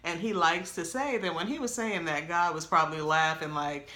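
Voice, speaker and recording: A middle-aged woman speaks to the camera in a slightly low voice. She tells her own testimony as a co-pastor, leaning hard on key words and briefly acting out the voices she quotes. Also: normal speed, pushed and bright. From New York. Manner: emphatic storyteller who acts out quoted lines.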